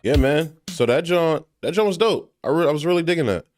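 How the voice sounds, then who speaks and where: A man's voice: fairly high pitch, expressive, brisk. A man reacting to and reviewing music in a casual, slangy way, full of fillers. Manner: laid-back and slangy, heavy with fillers.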